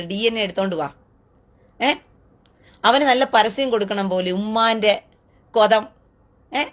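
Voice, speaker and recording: A woman's voice: fairly high pitch, fairly bright tone. A woman delivering a mocking rant to the camera as an online political commentator, taunting in a sing-song way and stretching out repeated jeers.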